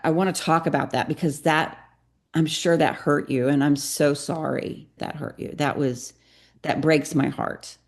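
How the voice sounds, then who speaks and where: A middle-aged woman with a deep, gravelly voice, speaking as a podcast guest. She talks earnestly and confessionally and acts out snatches of dialogue as she tells her story. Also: a little mellow. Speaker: guest, psychotherapist and parenting coach.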